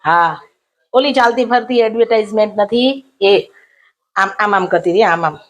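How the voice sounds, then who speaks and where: A woman's voice: mid-range voice, moderate pace. A middle-aged woman telling a gossipy comic story, mocking and chatty. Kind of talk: comic monologue.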